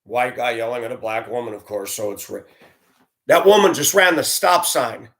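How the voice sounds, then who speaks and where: Gravelly earnest man venting. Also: mid-range voice, moderate pace, fairly bright tone. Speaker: former school bus driver. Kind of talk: candid personal storytelling.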